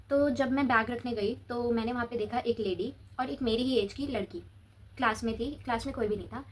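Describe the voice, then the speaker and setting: A woman's voice: a little high, slightly rough. A teenage girl vlogging casually, telling a long school story in a chatty way while applying a face pack.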